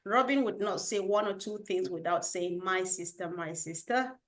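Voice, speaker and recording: A woman's voice: mid-range voice, moderate pace, fairly bright tone. Earnest lady hosting a webinar on a video call, says thanks over and over. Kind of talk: heartfelt thanks.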